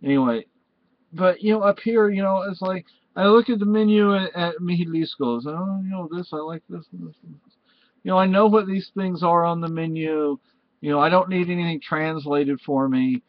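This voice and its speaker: A man's voice: high-pitched, moderate pace, lo-fi sound. A Spanish-born man with Spanish as his first language, hosting a home vlog in a rambling, meandering way that keeps correcting itself. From Spain. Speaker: vlog host. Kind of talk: casual rambling chat to camera.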